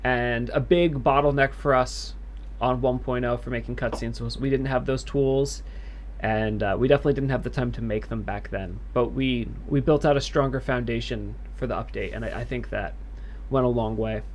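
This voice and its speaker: A man's voice: mid-range voice, steady tone, normal speed, slight background noise. Man explaining game development thoughtfully. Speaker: game developer answering questions. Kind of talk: livestream Q&A.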